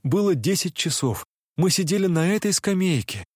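A man voicing a heartbroken young woman, pleading in a breathless voice that climbs high. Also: sing-song, normal speed, darkish tone, breathy edge, no room sound, clean studio sound, exaggerated voice. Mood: tearful, desperate.

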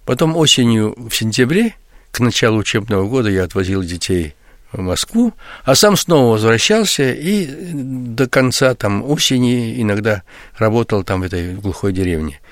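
A man's voice: fairly low pitch, lively intonation, moderate pace, no room sound, clean studio sound. An older writer, a guest on a radio interview, recalling his past with many fillers and restarts.

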